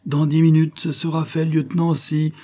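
A man's voice: a little high, monotone, normal speed, mellow, voice pushed up, close to an everyday voice. A man voicing a blunt, loyal sailor who answers his officer in a plain, matter-of-fact way in a read-aloud story.

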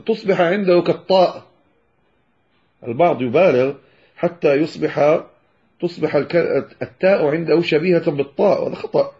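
A man from Morocco, teaching Quran pronunciation and slowly demonstrating letter sounds. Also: fairly high pitch, darkish tone. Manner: addresses listeners as brothers, demonstrates sounds slowly. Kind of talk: tajweed lesson explaining pronunciation. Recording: dull lo-fi lecture recording.

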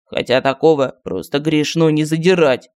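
A man's voice: on the high side, little pitch movement, normal speed, smooth, dry recording, close to an everyday voice. A man doing a cheeky talking medallion. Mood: grudging. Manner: mocking and dry. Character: sarcastic talking male medallion, practical and cheeky.

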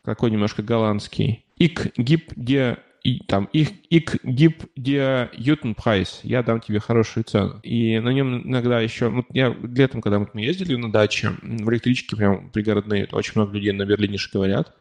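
A podcast guest living abroad chats casually, rambling through stories full of fillers and restarts. His medium-pitched voice has vocal fry and a darkish tone, moving at a moderate pace with hardly any pauses.

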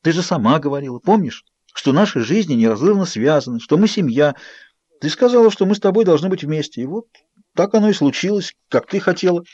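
Man doing a young werewolf guy begging and arguing back, pitched up, dry dull recording. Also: animated, fairly quick, a little mellow, no echo. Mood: pleading. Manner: pleading, defensive.

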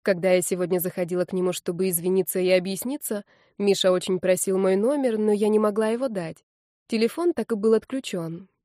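Woman narrating warmly, mellow voice. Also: medium pitch, fairly quick, dry recording, clean studio sound. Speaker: audiobook narrator. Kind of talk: first-person novel reading.

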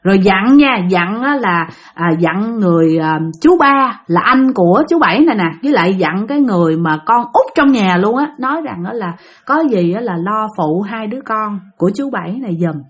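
A woman's voice: mid-range voice, animated, normal speed, slightly rough. A woman telling ghost stories in a chatty, casual way, full of filler particles and asides to her listeners. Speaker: storyteller. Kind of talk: casual spoken storytelling.

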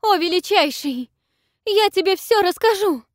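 A woman's voice: very high voice, animated, unhurried, no room sound, studio quality, voice pushed up. A woman voicing a treacherous young woman who shrieks and grovels before her new master. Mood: shrill. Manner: shrieking, wheedling.

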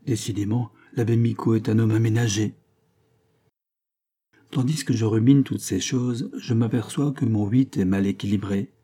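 A man's voice: fairly low pitch, steady tone, moderate pace, dark tone, breathy edge. A man reading a novel aloud in first-person narration, raising his voice for the dialogue. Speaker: audiobook reader.

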